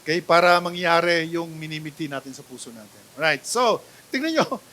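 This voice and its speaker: Animated high-voiced Filipino pastor preaching. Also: male voice, brisk. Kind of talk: sermon, Taglish preaching. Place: church sanctuary.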